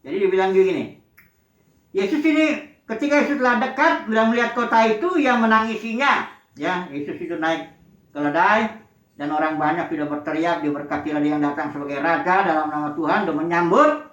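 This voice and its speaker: A woman's voice: on the low side, a little fast. Woman preaching in an echoey room. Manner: expressive storytelling, acting out quoted cries. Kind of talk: sermon. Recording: echoey room, dull lo-fi sound.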